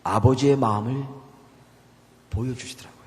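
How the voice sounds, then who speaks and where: A man's voice: medium pitch, steady tone, moderate pace, darkish tone. A middle-aged male pastor preaching a sermon in a church, telling a personal story with impassioned feeling. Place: church sanctuary. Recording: long church reverb.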